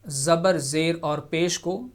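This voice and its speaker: A man with a fairly high voice teaches Quran reading on a TV program. He explains patiently and repeats each rule several times. He slows right down to sound out syllables. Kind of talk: televised Quran reading lesson.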